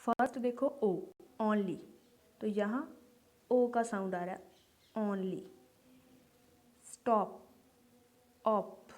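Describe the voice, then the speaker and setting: Slow, patient woman teaching phonics. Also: medium pitch, a little mellow. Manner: patient, repeats example words slowly. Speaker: English teacher. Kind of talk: slow phonics lesson for beginners.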